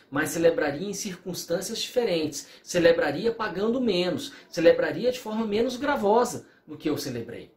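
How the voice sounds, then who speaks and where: A man's voice: sits high, echoey room. A man teaching a recorded law lecture, explaining through worked examples and acting out bits of quoted dialogue. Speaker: law professor.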